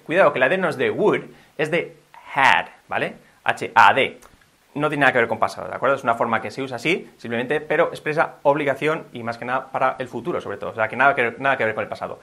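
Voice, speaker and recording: A man with a Spain Spanish accent teaches a video lesson in an upbeat, patient way. His voice sits at a middle pitch with a bright, ringing edge. He explains steadily, like a teacher used to talking to the camera. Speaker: language teacher.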